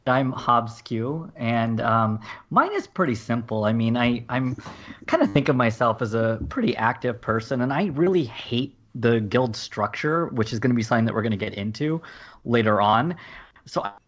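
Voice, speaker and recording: A man's voice: mid-range voice, animated, moderate pace. A man co-hosting a podcast, playful and teasing in casual chat. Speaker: podcast co-host. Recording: dull lo-fi sound with faint noise.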